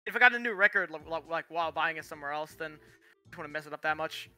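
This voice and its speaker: A young man commentating his speedrun race as he plays, with excited bursts of cheering. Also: fairly high pitch, very fast, faint music behind. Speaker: speedrunning gamer.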